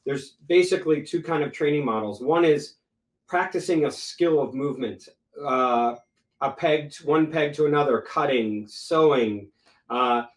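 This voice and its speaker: A man's voice: on the high side, echoey room, recorded from a distance, poor audio. A man moderating a medical panel discussion, explaining terms plainly and making joking asides.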